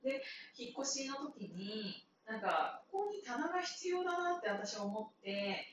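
A woman in her thirties rambles through a casual solo talk, chatty and quick to laugh. She sits far from the mic in a very echoey room. A noisy background runs under her voice. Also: on the high side, sing-song, dull audio. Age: 30s. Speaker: podcaster.

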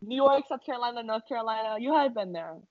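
Fast and animated, this young adult woman's fairly high voice carries a casual podcast chat where she co-hosts, giggles, and swears freely. The recording is dry, with a dull lo-fi sound.

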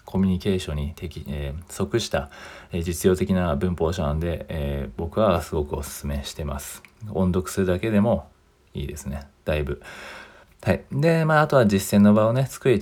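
Low-voiced man, quick rambling solo talk. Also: a little mellow. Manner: rambling with many fillers and self-corrections. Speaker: podcast host.

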